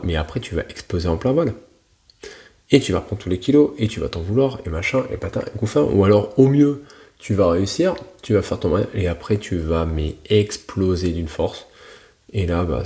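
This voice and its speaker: A man's voice: sits low, mellow. A man coaching in a casual, slangy, blunt manner, talking straight to the listener. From France. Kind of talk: casual motivational talk.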